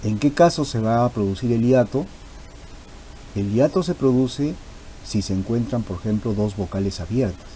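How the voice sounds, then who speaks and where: Male teacher, warm low voice, patient and repetitive, faint hiss behind. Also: moderate pace, rough recording. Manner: patient, repeats key terms for emphasis. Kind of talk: explanatory grammar lesson.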